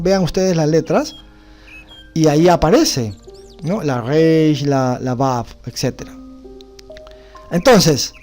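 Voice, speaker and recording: A man teaching a religious studies class, explaining words slowly with many rhetorical questions, from Bolivia. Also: high-pitched, darkish tone.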